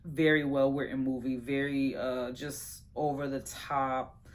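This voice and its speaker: A woman vlogger reviewing her favorite movies in a casual, animated, slangy chat that talks straight to her viewers. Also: extremely low pitch, unhurried. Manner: animated, slangy and chatty, addresses viewers as y'all.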